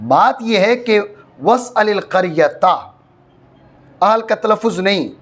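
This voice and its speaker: Man, high-pitched, classroom lecture, step-by-step explanations, checks understanding. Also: expressive. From Pakistan. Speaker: teacher of a madrasa class. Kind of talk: classroom lecture on Arabic grammar.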